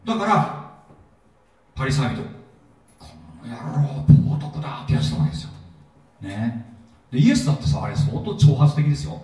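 A man lecturing a Bible seminar with a swinging, animated delivery and a mellow tone. He jokes and quizzes the audience as he goes. The sound is heavily echoey and picked up from some distance. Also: on the high side, quick pace, pauses often, soft background music. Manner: lively, jokey, asks the audience questions. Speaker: pastor and seminar teacher. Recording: echoey hall, mic at a distance.

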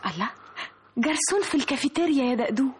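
A woman's voice: sits high, expressive, very fast. An actress playing a flirtatious Egyptian woman hiring manager in a radio drama, with an Egyptian Arabic accent, slipping English phrases into her speech. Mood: brisk. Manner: teasing, mixes English phrases.

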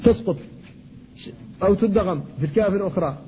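A man, an Islamic scholar, giving a classroom lecture on Quran recitation. He explains rules at a measured teaching pace, recites verses slowly and stops to answer students. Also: sits high. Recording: dull lo-fi lecture recording with faint noise.

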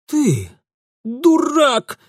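A small, fierce village girl who screeches in a shrill, very high voice, as a male reader puts her on. Her pitch leaps far above his own and swings widely, recorded close and dry. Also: wildly swooping pitch, drawn-out words, no room sound, exaggerated voice. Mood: shrieking. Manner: shrieking, screeching.

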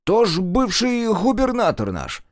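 A man's voice: sits high, wildly swooping pitch, unhurried, no room sound, clean studio sound, pitched above the performer's own voice, exaggerated voice. A man voicing a folksy older villager in a straw hat who explains things in rustic dialect. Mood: explaining.

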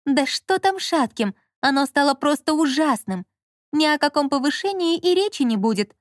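A woman's voice: high-pitched, lively intonation, normal speed, no echo, studio quality, voice pushed up. A woman voicing a sly young swindler on the phone, theatrical and sharply changeable. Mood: coolly threatening. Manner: theatrical, switching between cold pressure and gushing.

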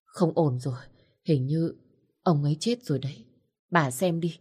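A woman voicing a sleepy, alarmed middle-aged male neighbor who asks brisk, urgent questions. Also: deep voice, darkish tone, slightly rough. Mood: stammering dread.

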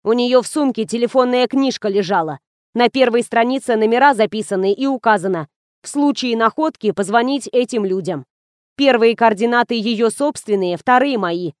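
A woman's voice: a little high, normal speed, no room sound, studio quality, lightly acted. A woman reading an audiobook, voicing a gloomy, secretive woman who speaks grimly. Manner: grim, muttering.

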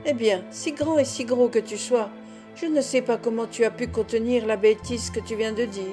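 A woman's voice: fairly high pitch, moderate pace, mellow, soft background music, natural voice. A woman voicing a clever small male street acrobat who speaks in a teasing, sententious way. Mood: mocking.

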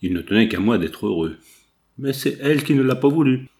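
A man's voice: lively intonation, brisk, darkish tone, close to an everyday voice. A man reading a jealous, bitter husband. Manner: pleading then brooding, low grumbling. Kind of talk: audiobook dialogue reading.

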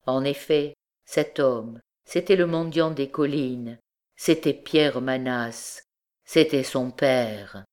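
A woman's voice: extremely low pitch, slow, a little mellow. Woman reading a classic novel aloud. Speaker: audiobook narrator. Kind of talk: scripted narration.

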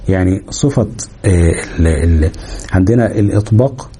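A man with an Egyptian Arabic accent, teaching a Quran recitation lesson. He explains rules and slows down to demonstrate sounds, stretching out the nasal hum. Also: deep voice, expressive, warm tone.

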